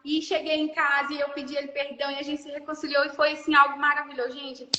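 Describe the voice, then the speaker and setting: A woman's voice: sits high, flat delivery, fast, bright, forceful tone, echoey room, big-room sound, a little hiss or hum. A Brazilian woman giving an earnest, heartfelt personal testimony at church, tearful at times. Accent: Brazilian Portuguese. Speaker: guest sharing testimony.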